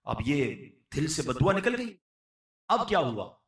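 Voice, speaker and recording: A man delivers an earnest sermon, his voice high and bright. He swings between raised and hushed delivery. The sound is echoey and set back from the microphone. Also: big pitch swings, far from the mic. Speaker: preacher. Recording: echoey room, voice off the mic.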